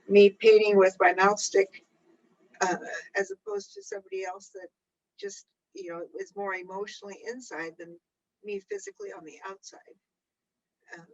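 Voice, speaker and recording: A woman painter talking informally about her own art as a panel guest, in a halting, meandering way. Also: mid-range voice. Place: online video call. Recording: noisy, muffled video call audio.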